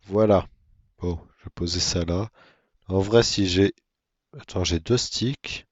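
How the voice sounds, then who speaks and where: Low-voiced man in monotone game commentary. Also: takes it slowly, dry recording, dull audio. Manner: monotone, self-mocking asides. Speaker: gaming video creator. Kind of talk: casual gameplay commentary.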